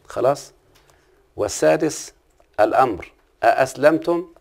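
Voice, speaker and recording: Gravelly Egyptian man teaching grammar. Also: mid-range voice, lively intonation, normal speed, a little mellow. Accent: Egyptian Arabic. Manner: asks the listener frequent check-in questions. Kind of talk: classical Arabic grammar lesson.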